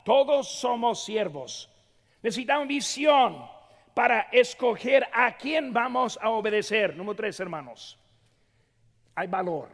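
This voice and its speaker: A man's voice: sits high, expressive, measured pace, in a large hall. A middle-aged man preaching a sermon as pastor, emphatic and often speaking straight to the congregation. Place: church sanctuary.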